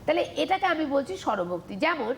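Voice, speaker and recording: A woman teacher with a Bengali accent, giving a patient television grammar lesson. Her voice sits a little high and she keeps asking her students whether they follow. Faint room noise lies under the recording. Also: very animated, a little fast, vocal fry. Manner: repeats questions to students, explains patiently.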